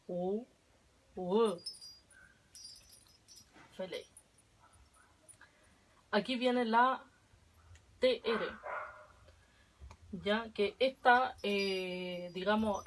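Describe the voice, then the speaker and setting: Slow, patient woman teaching. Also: medium pitch, poor audio. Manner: slow, patient, drills syllables aloud. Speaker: language teacher. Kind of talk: online language lesson. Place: home.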